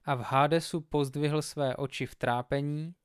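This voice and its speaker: A man reading scripture aloud in a measured, solemn, scripted delivery. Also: fairly high pitch, fairly even intonation, smooth, dry recording, studio quality. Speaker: Bible reader.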